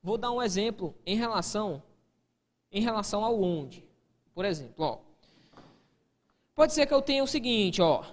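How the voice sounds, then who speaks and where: A man's voice: high voice, lively intonation, normal speed, long pauses, big-room sound. A man teaching an exam-prep grammar lesson, posing students' questions to himself and answering them. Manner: answers imagined student questions, peppers speech with "ó".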